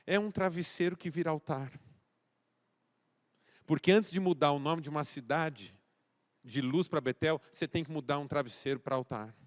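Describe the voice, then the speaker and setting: A little high in pitch, this Brazilian pastor speaks at normal speed with long pauses. His sermon alternates loud exhortation and quiet intimacy, and he acts out dialogue while telling a story.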